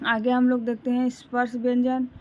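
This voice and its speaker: A woman teaching an exam-prep lesson in a slightly high but very flat voice. She moves slowly and deliberately through lists and keeps telling students to memorize them. The recording is slightly dull, with faint room noise behind her. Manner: slow, deliberate listing with repeated reminders to memorize.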